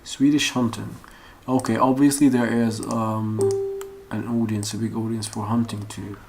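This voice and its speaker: Over music, a man with a lowish, level voice, moderate pace and vocal fry runs a casual screen-share tutorial from his computer. The online course instructor rambles and thinks aloud while searching, and the noisy room picks up typing and clicking.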